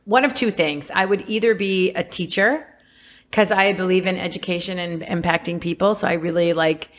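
A woman's voice: fairly low pitch, normal speed. A woman guest on a podcast, talking in an enthusiastic, chatty way with lots of "like" fillers. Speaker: guest, communications specialist. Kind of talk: casual interview chat. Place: indoor podcast recording in Dubai.

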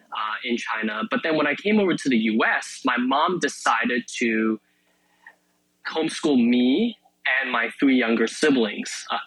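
A man's voice: mid-range voice, fairly bright tone, no room sound, rough recording. A young man from Malaysia, a university student, chatting eagerly as a guest on a radio interview, full of fillers and restarts. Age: young adult.

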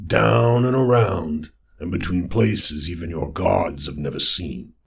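A man voicing a huge, bloated toad-like creature that croaks its words slowly and menacingly. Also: low-pitched, voice pushed down, exaggerated voice. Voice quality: slow croaking, belching, far-off.

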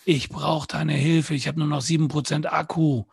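A man's voice: on the high side, fairly even intonation, moderate pace, gravelly, breathy edge, no echo, studio quality, voice pushed up, heavily acted. A man voicing a panicked male smartwatch whose battery is nearly dead, calling out shrilly for help. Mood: pleading.

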